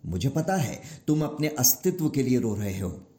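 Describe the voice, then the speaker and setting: A man's voice: medium pitch, big pitch swings, normal speed, warm tone, reverberant, lightly acted. A man playing a weary old creator god who pleads and grows exasperated, in a storybook telling. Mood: pleading. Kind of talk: storybook narration.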